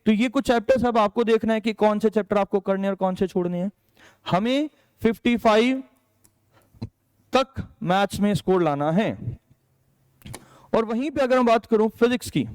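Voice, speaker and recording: A male maths teacher from India walks students through an exam strategy, his high voice clear and ringing. He talks in a chatty, encouraging way, checks in with the class often, and mixes English subject terms into his Hindi. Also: darkish tone. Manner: chatty, checks in with "ठीक है", calls students "बेटा".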